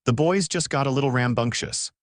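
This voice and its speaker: A man's voice: mid-range voice, fairly quick, no room sound, clean studio sound, close to an everyday voice. A man voicing a busy father, stern with his sons but meek with his wife, in a storybook reading. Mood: placating. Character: harried father doing tax paperwork.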